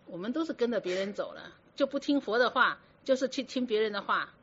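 Woman, Buddhist dharma talk, fairly high voice, many rhetorical questions, dull lo-fi sound. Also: animated, a little fast, fairly bright tone, a little hiss or hum. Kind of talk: Buddhist sermon. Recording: dull lo-fi recording.

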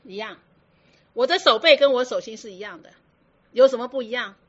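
Delivering a Buddhist sermon, a woman with a fairly high voice speaks a little fast and keeps putting rhetorical questions to her listeners. The sound is dull and lo-fi.

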